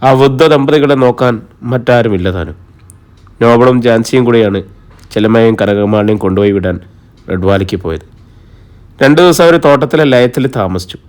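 A man calmly narrating an audiobook as a storyteller. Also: medium pitch, brisk, long pauses, smooth.

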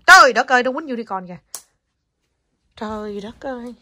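A mother with a Southern Vietnamese accent talking to her toddler at home, coaxing and gently scolding in a casual chatty way. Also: on the high side, lively intonation, brisk. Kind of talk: casual home video chat.

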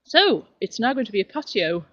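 A middle-aged woman giving a relaxed, cheerful walk-through tour of her back garden and chickens, filmed outdoors on a handheld camera. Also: on the high side, fairly quick, no room sound. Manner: chatty, relaxed, cheerful narration while walking. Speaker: home video maker. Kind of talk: casual home video tour. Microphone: handheld camera mic. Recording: dull lo-fi camera audio with noise.

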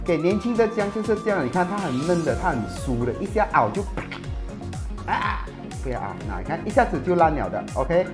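A middle-aged man hosting a casual cooking show, chatty and excitable, switching between English and Mandarin, recorded on a lapel mic at a market and in his home kitchen. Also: fairly high pitch, fairly quick, music in the background.

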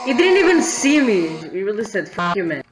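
A woman streaming a horror game with casual commentary, jumpy and scared, breaking into excitable exclamations. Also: mid-range voice, fairly quick, very noisy. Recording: music behind the voice.

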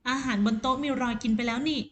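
A woman's voice: on the high side, steady tone, quick pace, lightly acted. A woman doing a scolding older mother-in-law. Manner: scolding, reproachful. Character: older mother-in-law, scheming and quick-tempered.

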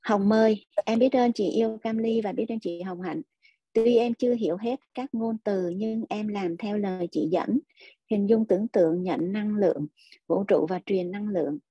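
A woman hosting a spiritual energy livestream, reading viewer comments and chatting casually, full of enthusiastic praise and drawn-out filler sounds. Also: medium pitch, mellow, husky, dry recording. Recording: dull lo-fi sound.

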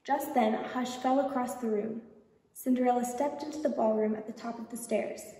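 A woman reading a children's picture book aloud at a library storytime, gently asking the children questions. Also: on the high side, fairly even intonation, normal speed. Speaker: storytime reader. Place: library event room. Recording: echoey hall, distant mic.

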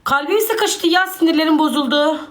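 A high-pitched woman rants to her viewers on a live stream, exasperated and repetitive, with sighs between her lines. Her voice rings around an echoey room. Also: normal speed. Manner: exasperated, repeats herself, sighing interjections. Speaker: social media personality on a live stream.

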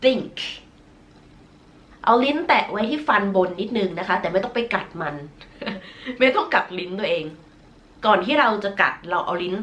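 A woman's voice: medium pitch, expressive, brisk, fairly bright tone, highs cut off. A woman from Thailand with a nasal voice, teaching English verbs in a recorded online lesson, stretching out model pronunciations patiently. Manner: self-conscious about her nasal voice.

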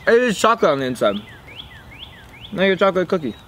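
Guy vlogger chewing while he talks, fairly high voice, easygoing, faint noise outside. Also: sing-song, fast, fairly bright tone. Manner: easygoing, chatty. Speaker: vlog host. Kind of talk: casual taste-test vlog. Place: outdoors in bright sun.

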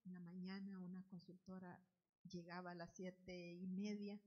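A woman giving an earnest spoken testimony at the altar of a church, in unhurried, loosely strung phrases. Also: on the low side, flat delivery, muffled recording. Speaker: church member giving testimony, Bible study leader.

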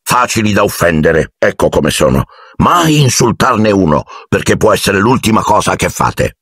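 Brief: a man playing a big gentle giant teacher, deep and husky, booming but halting. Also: very animated, no room sound, studio quality, heavily acted. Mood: instructing. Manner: booming yet hesitant, with halting fillers.

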